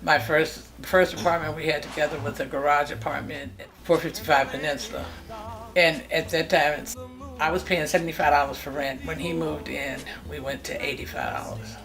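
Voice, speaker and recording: This is a personal reminiscence from a woman in her sixties from California, who lists family names and dates in succession as an interviewee. She talks a little fast in a low voice with vocal fry and fairly even intonation, over background music.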